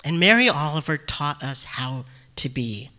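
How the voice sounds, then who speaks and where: Slow, bright-voiced male minister. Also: a little high, expressive. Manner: slow, reflective delivery with long pauses. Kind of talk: sermon.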